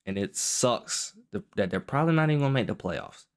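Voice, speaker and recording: A young man giving casual post-game football commentary, keeping it restrained and quiet late at night, often repeating and rephrasing his points. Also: mid-range voice, expressive, fairly quick. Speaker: sports vlogger.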